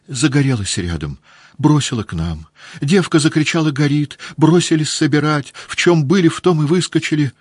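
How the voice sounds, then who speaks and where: A man's voice: a little high, lively intonation, normal speed, darkish tone, breathy edge, no room sound, studio quality, pitched above the performer's own voice. A man voicing a sobbing, wailing mother. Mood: pleading. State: crying. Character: distraught woman who lost her daughter in fire.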